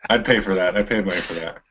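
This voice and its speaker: Man, Northwest-California accent, nasal, lower voice, laid-back chat, lo-fi audio. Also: moderate pace, fairly bright tone, a little hiss or hum. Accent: American Northwest and California. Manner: laid-back, hesitant, fillers. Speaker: co-host. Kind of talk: casual chat.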